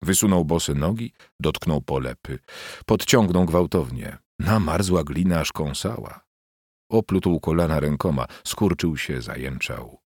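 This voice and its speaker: Male audiobook narrator, deep voice, animated reading, dry close sound. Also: unhurried, no echo. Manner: expressive reading with lively intonation.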